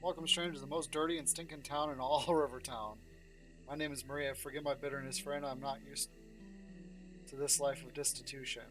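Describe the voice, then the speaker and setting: A bitter, impoverished woman who has lost everything and now lives for revenge, as a man reads her lines aloud from a video game. The reading carries only light emphasis, close to a plain speaking voice at a middle pitch, with faint music behind. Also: steady tone, a little fast, a bit bright, close to an everyday voice, low-quality recording.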